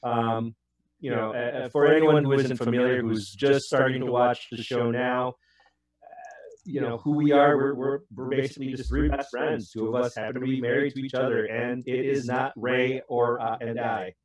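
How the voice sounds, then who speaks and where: A man hosting a casual gaming podcast, excitable and rambling, laughing between his words. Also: medium pitch, normal speed. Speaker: podcast host. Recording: roomy echo.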